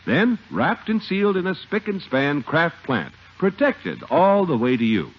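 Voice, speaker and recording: A man with a fairly high, sing-song voice speaks at a measured pace, announcing in a polished, emphatic 1950s radio sales style. The clip is a 1950s radio advert with scripted narration. It comes from an old, dull-sounding 1950 broadcast with music.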